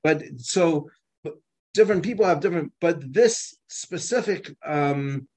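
A man's voice: a little high, measured pace, darkish tone. Man teaching a class, restarting phrases. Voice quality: many restarts and repeated words, conversational explaining. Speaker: Torah teacher. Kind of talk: informal Torah class.

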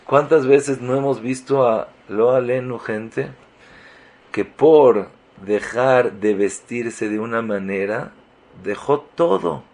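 Animated man giving a religious talk. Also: medium pitch, vocal fry. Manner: animated, swings between loud emphasis and soft asides; uses Hebrew religious terms.

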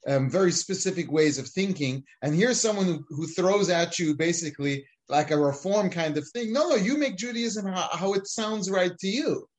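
A man in a conversational religious discussion, speaking haltingly as he questions and steers his partner. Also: a little high, a little mellow.

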